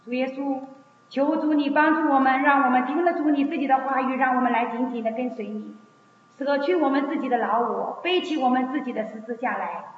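A hoarse woman leading a fervent spoken prayer in a church meeting, with a pleading, repetitive cadence. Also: high-pitched, brisk, heavy reverb, in a large hall, phone-quality sound, slight background noise. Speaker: prayer leader.

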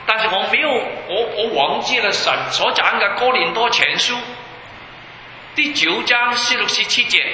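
A man preaches to a congregation, his high, piercingly bright voice ringing through a long, echoey hall. He presses his points hard and keeps firing questions at the listeners. A faint hum sits under the recording. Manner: emphatic, keeps asking the audience questions. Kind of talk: sermon with Bible teaching.

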